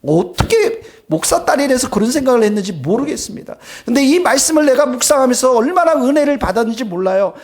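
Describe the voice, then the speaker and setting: A man's voice: extremely high pitch, very animated, fast, few pauses, darkish tone. A male pastor delivering a sermon, speaking emphatically and turning often to address the congregation, with plain personal stories mixed in. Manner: tells personal anecdotes in a plain conversational tone.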